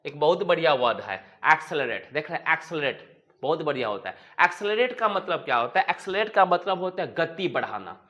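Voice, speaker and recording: Male teacher, fairly high voice, drills words by repeating them, muffled lo-fi audio. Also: big pitch swings, a little fast, pushed and bright. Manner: repeats words, asks and answers his own questions. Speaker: English teacher. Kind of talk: vocabulary lesson. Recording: dull lo-fi sound.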